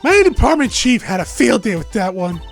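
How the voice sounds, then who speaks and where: A man's voice: high-pitched, very animated, normal speed, vocal fry, soft background music, voice pushed up, heavily acted. A man voicing a grumpy young female forensic detective from a game, talking in a snippy, sarcastic way. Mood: annoyed.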